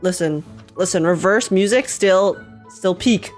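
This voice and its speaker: A woman live-streaming a game reaction in casual chat, chatty and excitable, repeating herself and laughing often, with a slightly stuffy nose from just waking up. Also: mid-range voice, unhurried, faint music behind. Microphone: desk microphone with webcam.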